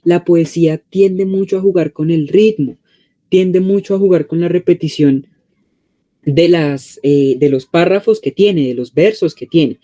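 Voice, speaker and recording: Colombian male tutor, online class, dark mellow tone, chatty, keeps checking if students follow. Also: a little high, a little slow. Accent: Colombian Spanish. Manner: conversational, frequent check-in questions. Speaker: teacher. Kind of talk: online exam-prep class.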